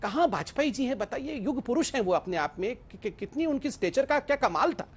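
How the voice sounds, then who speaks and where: A man's voice: very high-pitched, lively intonation, fairly quick, slightly rough. A man speaking as a party spokesperson in a TV debate, emphatic and appealing to the anchor. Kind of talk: TV debate argument.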